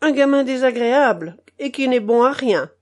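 A woman's voice: high voice, animated, moderate pace, darkish tone. A woman playing a sneering, scolding shop clerk. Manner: scolding and ironic.

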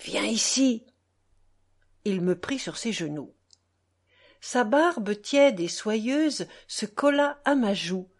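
A woman narrating a literary audiobook in a measured, expressive, unhurried way. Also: mid-range voice.

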